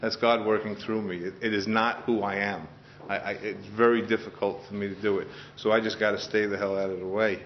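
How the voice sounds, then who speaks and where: A man's voice: on the low side, level tone, a little fast, a little hiss or hum. A middle-aged man from Queens gives an earnest, heartfelt personal testimony to a group at a meeting, often restarting his sentences. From Queens, New York. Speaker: speaker sharing his story at a recovery meeting. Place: meeting room in front of a group. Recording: dull lo-fi sound.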